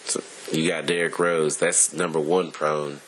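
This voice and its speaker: Male co-host, very low voice, playful teasing delivery, faint background hum. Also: little pitch movement, a bit bright, poor audio. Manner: joking, teasing, quick interjections. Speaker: podcast co-host. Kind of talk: casual chat about movies and sports.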